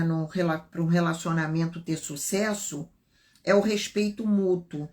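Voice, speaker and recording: Brazilian woman explaining in a live talk. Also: medium pitch. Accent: Brazilian Portuguese. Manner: explanatory, repeats phrases and says "né?" often. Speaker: live stream host and self-development speaker. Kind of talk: unscripted live talk on relationships.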